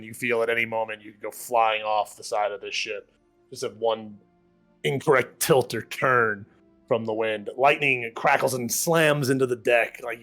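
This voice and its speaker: Male game master, mid-pitched, rambling casual narration with faint music behind. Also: fairly bright tone. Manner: rambling, filler-heavy description.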